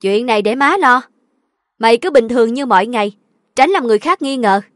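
Woman doing a bossy scheming mom, loud and scolding, highish voice, dry sound. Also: lively intonation, a little slow, dry recording. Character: domineering scheming middle-aged mother.

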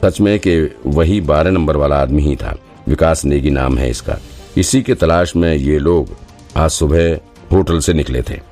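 This thriller audiobook is read by a man with a mellow bass voice at an unhurried pace, soft music playing in the background. His scripted narration is dramatic storytelling, and he performs all the characters on his own.

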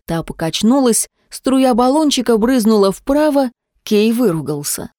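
A woman's voice: on the high side, expressive, unhurried, mellow, no echo, studio quality. Woman narrating a tense audiobook. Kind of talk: scripted narration.

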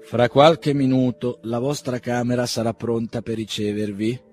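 A man with an expressive mid-range voice, dark in tone with a breathy edge, talks at normal speed over faint background music. He plays an elderly country doctor and father who is humble, fussy and eager to please, fussing in an apologetic, ceremonious way.

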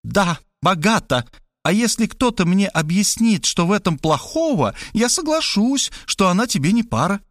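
A man's voice: high voice, very animated, normal speed, dry recording, studio quality, voice pushed up. A man voicing a pushy, scolding elderly mother in an audiobook. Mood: coaxing. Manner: scolding, insistent, dramatic. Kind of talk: audiobook character voice.

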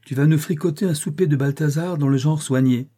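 Bossy brute of a sailor barking orders, pitched up and loud, read by a guy. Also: fairly quick, lightly acted. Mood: menacing. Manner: gruff, threatening orders. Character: brutish mutinous sailor, bullying captain.

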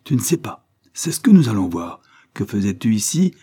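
A man voicing a tough male detective who interrogates in a gruff, commanding way, in a storybook reading. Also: on the low side, big pitch swings, normal speed, warm tone.

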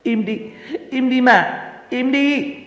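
A frightened little girl shrieks and begs in a thin, piercing voice, as a male narrator puts her on. Her cries jump high above a normal speaking voice and ring out in an echoey space. Faint music sits beneath her. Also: slow pace, fairly bright tone, highs cut off, exaggerated voice. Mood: screaming. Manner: shrill pleading cries. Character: terrified little girl, screaming and sobbing.

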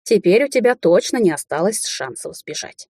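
A domineering young werewolf lord growls and teases, read by a woman narrator. The tone is dark and mellow with a husky edge, recorded close and dry. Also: medium pitch, animated, moderate pace, no room sound. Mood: teasing. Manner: growling, teasing. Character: domineering young werewolf ruler man, cocky. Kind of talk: audiobook character voicing.

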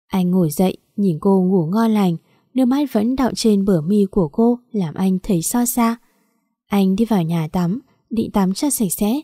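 Female audiobook narrator, even storytelling, mellow timbre. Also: mid-range voice, dry recording, clean studio sound.

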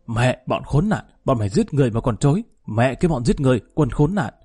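A man voicing an angry group of farmers who curse and shout at the accused. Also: medium pitch, sing-song, fast talker, husky. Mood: furious. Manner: shouted cursing. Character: angry crowd of farmers cursing.

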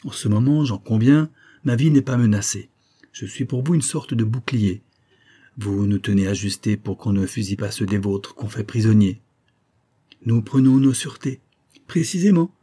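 A man's voice: on the low side, moderate pace, dark tone, husky. A man reading an audiobook, voicing an imprisoned colonel who argues earnestly and presses his point. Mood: urgent.

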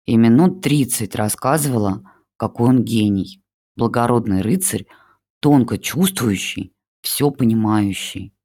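A storyteller reads a comic first-person family tale in a wry, ironic voice, middle in pitch and plainly paced. The delivery stays dry while the jokes land through understatement. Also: unhurried, a little mellow. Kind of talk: audiobook narration of a humorous story.

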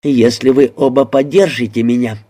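A man voicing a calm, resourceful young American woman who reassures others. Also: mid-range voice, normal speed, natural voice.

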